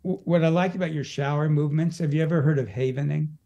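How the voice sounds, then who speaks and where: A man's voice: on the high side, fast talker, dark tone, lo-fi sound. A man who works as an energy practitioner, talking as an interview guest, explaining his practice with frequent restarts. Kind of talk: casual conversational interview.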